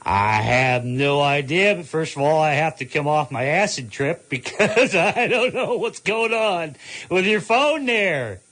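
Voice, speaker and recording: A chatty man hosts a radio fishing call-in show, laughing easily between callers. His voice runs fairly high and very bright. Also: expressive, a little slow.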